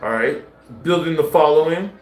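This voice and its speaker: A man's voice: on the high side, moderate pace. A man live-streaming casual commentary, talking in slang straight to his viewers. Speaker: livestreamer. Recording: roomy echo with faint music.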